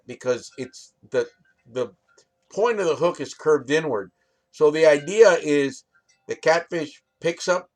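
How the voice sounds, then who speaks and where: A man from the United States casually showing fishing rigs, rambling with fillers and restarts and often asking the viewer "right?". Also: medium pitch. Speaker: fishing channel host. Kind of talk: casual gear demonstration.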